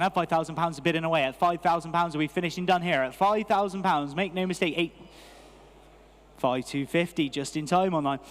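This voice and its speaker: British male auctioneer, high-set voice, rhythmic repeated bid calls, long hall reverb. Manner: repetitive rhythmic chanting of figures. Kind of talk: live auction bid calling.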